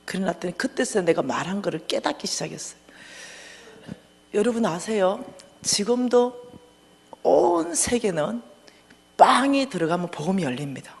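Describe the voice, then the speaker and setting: A middle-aged woman preaches with animated, dramatic storytelling. Her voice is husky and swings widely in pitch. It rings through an echoey church hall. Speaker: church lecturer. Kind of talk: storytelling sermon.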